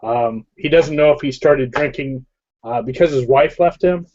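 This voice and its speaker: A man reads out his character's background as a player in a tabletop game, measured and dotted with ums. His voice sits a little high. The sound is dull and lo-fi. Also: a little mellow.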